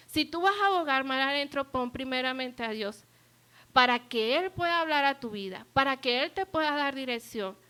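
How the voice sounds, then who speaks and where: A woman's voice: high voice, sharp tone. A woman preaching a sermon at a church service, earnest and asking the congregation rhetorical questions.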